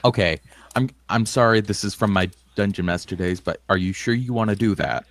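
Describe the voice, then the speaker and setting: A man narrating a tabletop role-play game as the game master, in a measured way with some restarts. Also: on the low side, a bit bright, a little hiss or hum.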